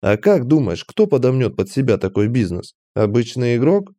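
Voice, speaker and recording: A man's voice: mid-range voice, big pitch swings, moderate pace, dark tone, dry recording. A man reading an audiobook, voicing a brash young woman player who bluntly explains and bosses others around. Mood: explaining. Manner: blunt, lecturing, impatient.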